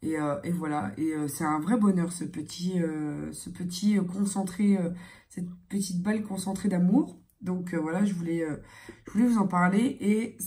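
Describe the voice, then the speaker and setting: Mellow woman with a swollen-tonsils voice. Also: fairly low pitch. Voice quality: thick swollen-tonsils voice, congested. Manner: hesitant, halting, searching for words. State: sore throat from tonsillitis, voice sounds strained and altered. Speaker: beauty vlogger. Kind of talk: casual chatty get-ready-with-me vlog.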